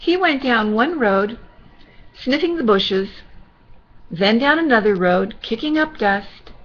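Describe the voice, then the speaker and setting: A sweet, gentle older woman, a grandmother reading a children's storybook aloud with reassuring, chatty asides to a child. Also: fairly high pitch, lively intonation, takes it slowly, lo-fi sound.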